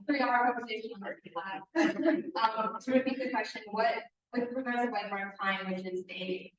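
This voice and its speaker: A young woman from Wisconsin, a student presenter who talks in a thoughtful, halting way with a lot of "like". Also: on the high side, fairly bright tone. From Madison, Wisconsin. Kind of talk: moderating questions in a presentation. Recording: roomy, distant, dull recording.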